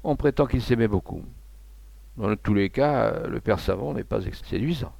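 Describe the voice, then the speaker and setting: A man's voice: lowish voice, moderate pace, vocal fry, darkish tone, dry recording. A man voicing a stout official's wife who gossips knowingly in a storybook reading. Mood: gossipy. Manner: gossipy, confiding.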